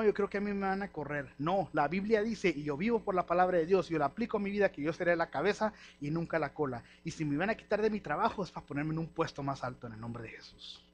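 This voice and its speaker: Lively Mexican preacher man, fairly high voice. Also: fast talker. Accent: Mexican Spanish. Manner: lively, slangy, acts out quoted voices. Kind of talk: sermon.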